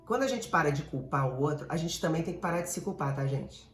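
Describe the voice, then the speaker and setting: A Brazilian woman therapist giving an animated, digressive motivational talk, speaking straight to her listeners. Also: deep voice, fast talker, echoey room, soft background music. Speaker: emotional therapist.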